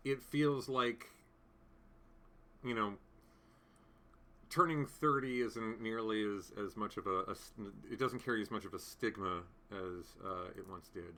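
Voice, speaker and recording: Speaking unhurriedly with long pauses, a livestream host in his late thirties chats casually from home and replies to comments, rambling and often restarting amid many fillers. His voice is lowish, with a bright, forceful tone.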